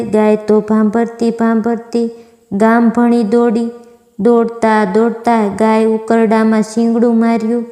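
Slow, flat-voiced woman telling a devotional tale. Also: fairly high pitch. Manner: slow, even, recited delivery. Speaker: storyteller. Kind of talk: devotional vrat story narration. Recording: echoey room with long reverb.

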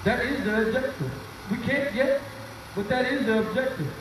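Filmed from a distance on a phone, a man with an extremely high voice addresses a crowd at a nighttime outdoor rally through a handheld mic and speakers. He speaks at a moderate pace, earnest and repetitive with his main phrases, and the echoey PA sits amid noisy surroundings.

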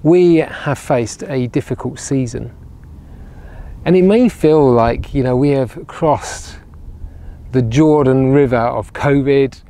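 A regional minister with a mid-range, dark-toned voice preaches earnestly to camera outdoors beside ruined castle walls on a sunny day. He often repeats words as he builds a point, and he's recorded on a clip-on lapel mic.

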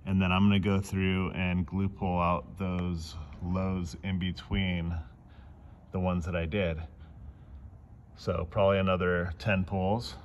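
A man doing dent repair outdoors, explaining his work in a relaxed, casual way as he films on a phone. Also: sits low, slow, slight background noise. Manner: relaxed, explanatory, talks between tasks. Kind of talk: casual how-to narration while working. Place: outdoors in a parking lot beside a car.

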